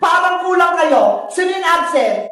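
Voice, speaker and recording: A woman's voice: extremely high pitch, animated, a little slow, fairly bright tone, slight background noise, full character voice. A woman voicing a strict female schoolteacher who scolds her class in a stern tone in a comedy skit. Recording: very echoey room.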